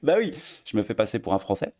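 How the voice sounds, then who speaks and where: A man's voice: fairly low pitch, big pitch swings, fast talker, warm tone, a little hiss or hum. A young Belgian man with a Belgian French accent, ranting casually to his audience in a mocking, crude way, full of fillers. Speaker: streamer. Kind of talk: casual rant to camera. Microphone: desk mic at editing setup.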